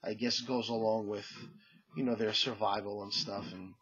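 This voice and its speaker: Sick and stuffed up, a comic vlogger casually presents his new books, repeatedly restarting and filling gaps with filler words. He speaks at normal speed in a fairly low, husky voice that's a bit bright and barely shifts in pitch. The recording sounds muffled.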